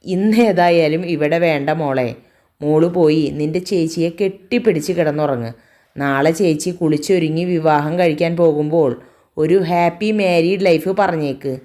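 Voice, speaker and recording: A woman voicing a loving middle-aged father who speaks in a soft, reassuring way. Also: low-pitched, normal speed, natural voice. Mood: tender.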